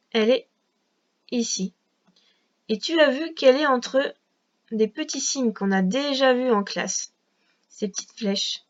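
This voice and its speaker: Patient lady teacher talking slowly to a little kid, kinda muffled sound. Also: on the high side. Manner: patient, slow and clearly articulated for a young child. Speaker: first-grade teacher. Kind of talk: remote reading lesson.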